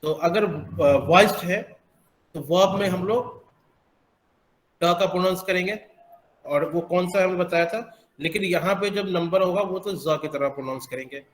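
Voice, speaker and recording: A man teaching English pronunciation, explaining slowly with many hesitant pauses. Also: sits high, echoey room. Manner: slow, halting, many filler pauses. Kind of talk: explanatory classroom lesson.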